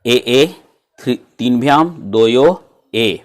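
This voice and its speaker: A man's voice: medium pitch, clear, resonant tone. Man reciting grammar forms in a lesson. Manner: recites word forms slowly, with frequent "theek hai" check-ins. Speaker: Sanskrit grammar teacher. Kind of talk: classroom-style video lesson.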